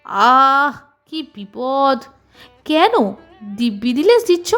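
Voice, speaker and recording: A woman's voice: high voice, expressive, takes it slowly, pushed and bright, faint music behind, heavily acted. A woman voicing an older husband who answers his suspicious wife with teasing banter, in a storybook reading. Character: older husband, teasing, evasive, mildly mocking.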